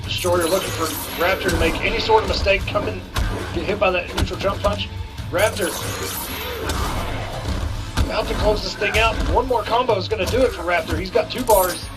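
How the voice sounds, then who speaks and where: A man's voice: high voice, fairly quick, pauses often. A man giving live commentary as an esports caster at a fighting game tournament. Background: loud music and game audio.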